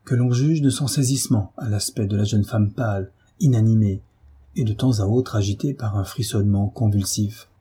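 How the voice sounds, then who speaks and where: A man narrating a classic novel as an audiobook, measured and even. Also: on the low side, slightly rough.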